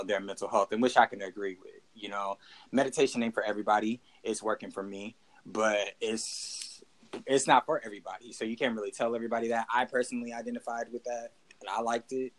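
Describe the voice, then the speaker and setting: A man's voice: fairly low pitch, steady tone, brisk, poor audio. A man co-hosting a podcast, talking casually and emphatically about rap music, with sudden rising bursts. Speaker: podcast co-host. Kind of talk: casual hip hop debate.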